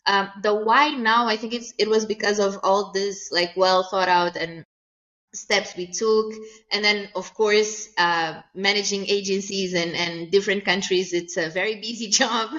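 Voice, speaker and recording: A woman's voice: mid-range voice, steady tone, a bit bright. Woman from Mozambique, dull lo-fi sound. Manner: earnest, halting with restarts. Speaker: agency CEO, guest. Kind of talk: conversational interview.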